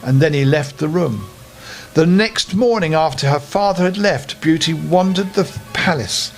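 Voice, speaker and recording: An older man acts as a storyteller, reading a fairy tale to children in an animated way and adding friendly asides to his young listeners. His voice sits high, and the audio quality is poor.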